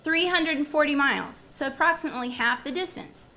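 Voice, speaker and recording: A woman's voice: high-pitched, fairly quick, pushed and bright, slight background noise. A woman professor presenting at a university symposium before a live audience, moving from a prepared talk to quizzing the audience and repeating their answers. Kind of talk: academic presentation with audience quiz.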